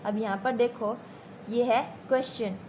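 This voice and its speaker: A woman teacher with an Indian accent gives a classroom lesson in a warm voice on the high side, with a steady tone. She goes slowly and repetitively, repeating points and asking the students whether they follow. Slight background noise can be heard.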